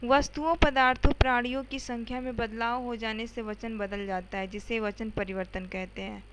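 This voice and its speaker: A woman's voice: a little high, fairly even intonation, normal speed, a little hiss or hum, poor audio. A woman teacher explaining grammar to schoolchildren step by step, often checking in with "okay" and asking the students questions. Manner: addresses students directly with questions.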